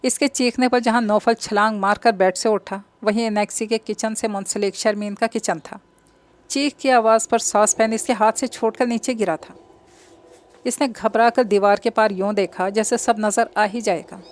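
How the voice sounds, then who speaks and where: A woman narrating an audio novel in steady storytelling tone. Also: fairly high pitch, moderate pace.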